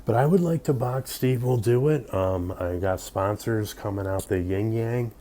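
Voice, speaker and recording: A man's voice: fairly low pitch, moderate pace, warm tone, slight background noise. A man in his fifties rambling drunkenly and boastfully in a casual livestream chat. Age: 50s. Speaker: livestream host.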